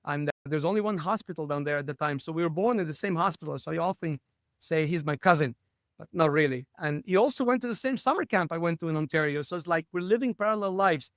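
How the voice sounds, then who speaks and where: Guest: upbeat middle-aged man, slightly high voice, dry close sound, video call. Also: lively intonation, fast, a bit bright, no room sound. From Lebanon. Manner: cheerful and joking. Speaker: school superintendent, guest. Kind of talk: casual interview chat.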